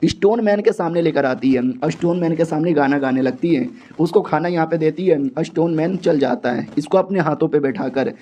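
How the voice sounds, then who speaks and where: A man retells a manga story in a chatty, slangy manner, talking to listeners like friends. His voice sits fairly high but sounds mellow and warm. The recording is dull and lo-fi. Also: brisk, hardly any pauses, slight background noise. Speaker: manga recap narrator. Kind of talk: casual story recap narration. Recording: dull lo-fi audio.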